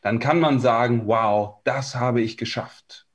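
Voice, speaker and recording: A German man preaching a sermon in short, conversational phrases, pausing for his interpreter. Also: medium pitch.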